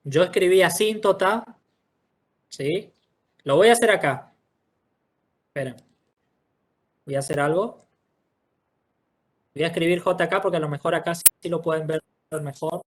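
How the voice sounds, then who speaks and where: Patient teacher, step by step. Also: male voice, a little high, unhurried, pauses often. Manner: patient, explains step by step, checks in often with "¿sí?". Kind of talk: online class walkthrough.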